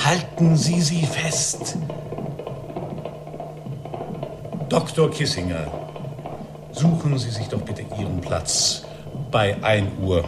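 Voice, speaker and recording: A swooping, incantatory master of ceremonies. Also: male voice, a little high. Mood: coaxing. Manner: incantatory, swinging from hushed to exultant. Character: ecstatic male master of ceremonies, hypnotic and preaching. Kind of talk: radio play. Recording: loud music behind.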